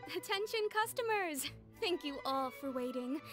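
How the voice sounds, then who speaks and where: A woman's voice: high voice, expressive, a little slow. An actress voicing a woman store announcer who addresses the customers in a cheerful public announcement style. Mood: announcing. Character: woman store announcer presenting a new product. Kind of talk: video game voice acting. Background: game music.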